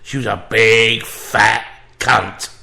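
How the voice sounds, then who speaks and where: A man's voice: fairly low pitch, fairly even intonation, slow, vocal fry, bright, forceful tone. A man telling a crude, sweary story in a casual chat.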